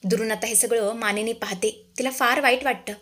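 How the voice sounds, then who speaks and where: A woman's voice: a little high, steady tone, fairly quick, fairly bright tone. A woman dramatically narrating a TV serial episode recap. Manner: dramatic, repetitive storytelling.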